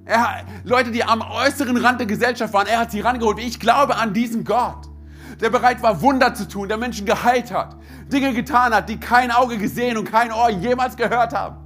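A pastor preaching a sermon emphatically, addressing his congregation directly and punctuating points with quick interjections. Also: very high-pitched, a bit bright, faint music behind. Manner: emphatic, punctuates with "hey" and "oder?".

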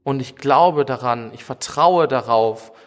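A man's voice: mid-range voice, a little slow, in a large hall. A man preaching a sermon in an earnest way, speaking straight to his listeners and often calling out "hey". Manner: earnest, direct address with frequent "hey".

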